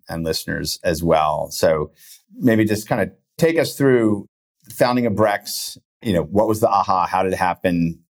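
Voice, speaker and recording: Man, podcast host, deep voice, casual, says "like" a lot. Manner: easygoing, lots of "like" and "you know". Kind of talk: casual interview.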